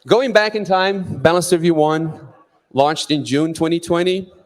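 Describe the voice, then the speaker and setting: A man's voice: on the high side, measured pace. A man giving an earnest, rallying keynote at a conference, introducing his project. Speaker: conference speaker, project founder. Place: conference stage in a large hall. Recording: long hall reverb.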